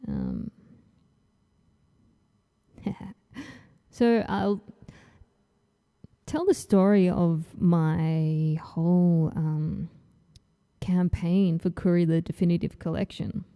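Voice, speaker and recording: An Australian woman chats casually on her livestream in a dark, gravel-edged voice that sits a touch low. She takes her time, unhurried and a little nervous, with plenty of ums between thoughts. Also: very animated. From Tasmania, Australia. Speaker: comic artist hosting her launch stream. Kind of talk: casual livestream chat while drawing.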